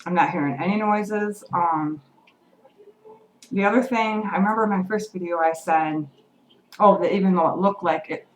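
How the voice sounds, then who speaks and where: A woman recording a casual video diary, talking haltingly and repeating words as she eats. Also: fairly low pitch, a little hiss or hum, low-quality recording. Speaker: vlogger.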